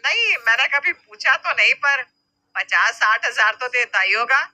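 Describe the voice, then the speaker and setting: Brief: woman voicing a bossy cartoon mother-in-law, loud, bright, cutting. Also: fairly high pitch, expressive, moderate pace, low-quality recording. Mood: stern. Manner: loud, sharp, scolding. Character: stern scolding middle-aged mother-in-law.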